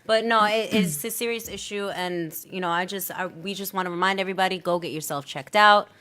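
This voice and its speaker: Woman, podcast host, casual chat, stumbles over words, mid-pitched voice. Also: fairly quick, bright, forceful tone. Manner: chatty, trips over words.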